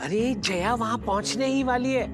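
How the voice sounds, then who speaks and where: A man's voice: extremely high pitch, normal speed. An actor playing an anxious, scheming middle-aged father in a TV sitcom, fretting and coaxing. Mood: urging. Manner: fretful, plotting, coaxing. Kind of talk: TV sitcom acting. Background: background music.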